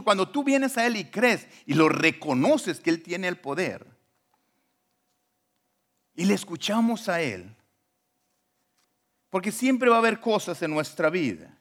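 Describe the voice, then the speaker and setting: Expressive pastor preaching. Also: male voice. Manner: swings between soft, low asides and raised emphatic lines; retells scripture with acted quotations. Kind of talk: sermon. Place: church.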